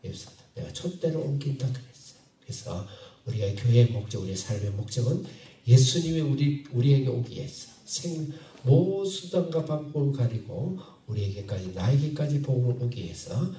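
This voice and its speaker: Korean pastor preaching in an echoey hall. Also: male voice, mid-range voice, expressive, warm tone, far from the mic. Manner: halting, repeats phrases, asks the congregation questions. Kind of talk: sermon with Bible reading.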